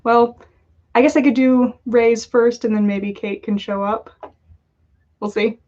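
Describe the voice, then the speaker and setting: This woman, a podcast host on a casual livestream, has a fairly high, darkish voice with a steady tone and an unhurried pace. She chats and jokes playfully with viewers over dull, lo-fi audio.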